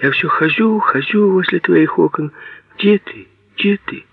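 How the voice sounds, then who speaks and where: A childlike, passionate young man, voiced by a male audiobook reader, pleads in a soft, half-whispered voice pitched well above the reader's own. He sounds hurt and earnest, like someone lovesick. The recording is dull and lo-fi with a dry sound. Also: big pitch swings, a little slow, creaky, husky, no echo, heavily acted. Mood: pleading.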